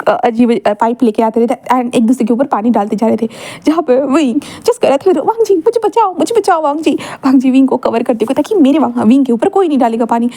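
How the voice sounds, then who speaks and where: A woman's voice: a little high, mellow. A young woman narrating a fan fiction story casually, reading out every character's lines herself and mixing English words into her talk, with fillers and restarts.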